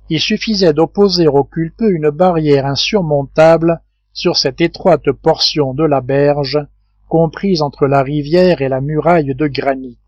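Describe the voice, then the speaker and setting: A man reading a classic adventure novel aloud in a measured, steady narration. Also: fairly high pitch, dry recording, dull audio. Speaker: audiobook reader. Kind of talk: scripted narration.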